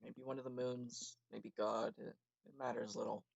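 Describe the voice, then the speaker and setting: Brief: a man voicing a reserved, guarded young man, plain and slightly gravelly. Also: medium pitch, little pitch movement, moderate pace, dry recording, highs cut off.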